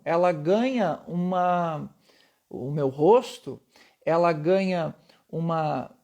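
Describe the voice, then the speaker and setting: A man's voice: high-pitched, darkish tone. A man teaching public speaking in a live-streamed lesson, emphatic, often putting questions to his viewers.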